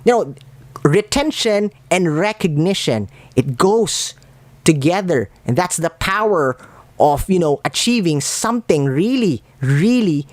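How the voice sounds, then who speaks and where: A woman in her thirties with a Filipino accent, a branding coach speaking in an animated, emphatic podcast conversation. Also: fairly low pitch, a little slow, dry recording. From Philippines. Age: 30s. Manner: animated, emphatic repetition, playful.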